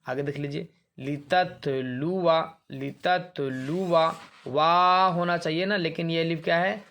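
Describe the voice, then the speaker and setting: A man with a slightly raised pitch teaches a reading lesson from a chart. He explains patiently, repeating each example word slowly. He asks a question and then answers it himself. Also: steady tone, bright, forceful tone.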